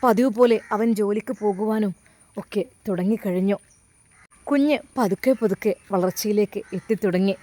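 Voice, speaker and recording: A woman's voice: medium pitch, normal speed, mellow. A woman with a Malabar Malayalam accent narrating an emotional story in a dramatic, heartfelt way.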